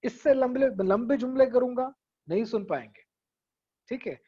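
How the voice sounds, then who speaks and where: A man's voice: very high-pitched, unhurried, warm tone, slightly rough, muffled recording. Man teaching public speaking over a call. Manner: conversational, mixes English phrases, frequent "theek hai" checks. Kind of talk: online class lecture. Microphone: video call.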